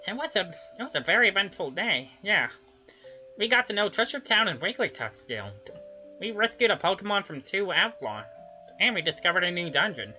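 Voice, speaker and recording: A woman reading video game dialogue aloud with expressive, animated delivery. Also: mid-range voice, moderate pace, faint music behind. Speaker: game player voicing dialogue.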